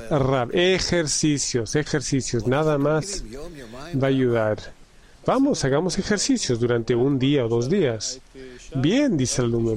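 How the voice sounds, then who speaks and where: A man interpreting a spiritual lesson live. He relays it in halting phrases, with frequent restarts and repeated words. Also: medium pitch, darkish tone. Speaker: simultaneous interpreter.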